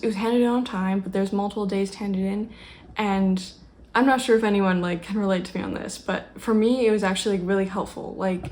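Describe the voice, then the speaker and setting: A young woman chatting casually to her camera, quick and quiet, full of fillers. Her mid-pitched voice drops into a gravelly vocal fry. She sounds shy and rambles from thought to thought. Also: slight background noise. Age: young adult. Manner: rambling, filler-heavy, fast-talking. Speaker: vlogger.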